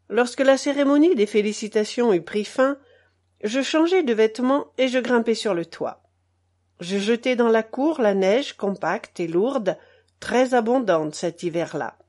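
A woman reading a novel aloud as an audiobook narrator, measured and expressive. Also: a little high.

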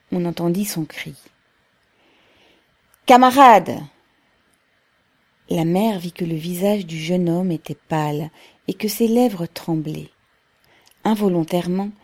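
Woman reading a novel out loud, really slow, low-ish warm voice. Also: slightly rough. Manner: measured, unhurried reading. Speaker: audiobook narrator. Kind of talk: scripted novel narration.

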